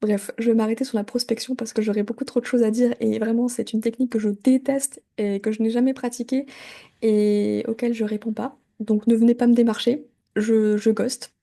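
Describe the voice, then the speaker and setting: A middle-aged woman hosting a solo podcast, talking in a chatty, animated way full of asides and fillers. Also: a little high, gravelly. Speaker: podcast host. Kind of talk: casual solo podcast talk.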